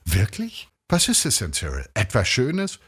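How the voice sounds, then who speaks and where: A man voicing an excitable, pleading middle-aged wife in a read short story. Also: lowish voice, a little slow, breathy edge, voice pushed up, exaggerated voice. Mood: eager. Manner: breathless, pleading, fluttery.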